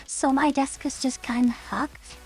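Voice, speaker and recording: A woman's voice: high voice, fairly even intonation, unhurried, faint music behind, poor audio. A woman VTuber chatting casually on stream through a staticky voice changer that cuts out, rambling with hesitant fillers.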